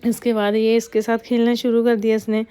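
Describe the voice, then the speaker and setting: A woman's voice: a little high, level tone, fairly quick, warm tone, smooth. A woman narrating a family vlog as a mother, chatty. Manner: chatty, scolding kids in quoted asides. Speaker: vlogger mother. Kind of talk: casual voice-over narration.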